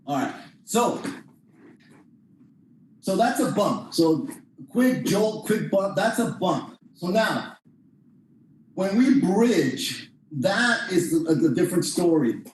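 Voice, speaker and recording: In an indoor training room, a man with a high, animated voice talks slowly and pauses often, informally explaining jiu-jitsu techniques step by step while showing them to his class. The audio comes from a far-off camera microphone, so the room sounds very echoey and there's a little noise.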